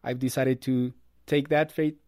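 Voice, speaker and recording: A man's voice: medium pitch, flat delivery, a little slow, a little mellow, no room sound. Upbeat man in a dry studio. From Costa Rica. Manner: earnest, upbeat storyteller. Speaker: guest, ministry producer. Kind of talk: casual interview.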